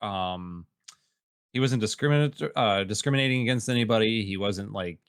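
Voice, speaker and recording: Male co-host from Buffalo, low voice, relaxed, chatty, dry close recording. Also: moderate pace, clean tone, no room sound. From Buffalo, New York. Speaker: podcast co-host. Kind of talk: casual chat.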